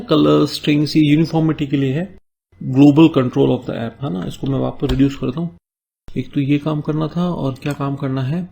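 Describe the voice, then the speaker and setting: In a screen-recorded coding tutorial, a man with a fairly high, slightly mellow voice explains the work step by step in Hindi. He keeps checking in with "है ना?" and reads English task notes slowly between explanations.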